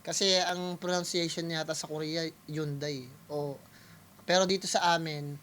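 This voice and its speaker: A man reacting to a rap battle as a producer, excitable and swearing, often breaking into shouts. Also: a little high, moderate pace, slight background noise. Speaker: reaction video host, music producer.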